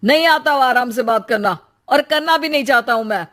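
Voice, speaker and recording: A man's voice: very high-pitched, brisk, sharp tone. A man voicing a frustrated, hot-tempered young husband in a cartoon story. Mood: angry. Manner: blunt, irritable.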